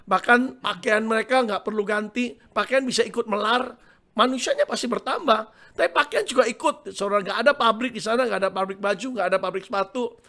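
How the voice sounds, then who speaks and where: Gravelly high-pitched male pastor preaching. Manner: animated preaching, calls to the congregation. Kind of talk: sermon.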